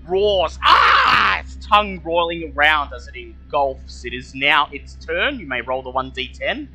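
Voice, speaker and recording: A man's voice: on the high side, animated, moderate pace, pushed and bright, husky. A man working as game master, narrating a tabletop fantasy game dramatically and calling out rulings. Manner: dramatic descriptions, echoes players' numbers back. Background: music.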